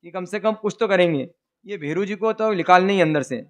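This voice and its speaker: Lively and brisk, a high-voiced male preacher tells stories through his sermon and keeps putting questions to the audience. Now and then he slips into rhythmically chanting vows.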